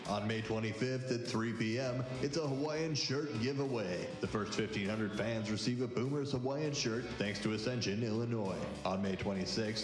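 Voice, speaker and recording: A man calling out a ballpark promotion in a radio ad, as if over a stadium PA system, with a booming, drawn-out announcer delivery. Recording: echoey PA sound with music behind.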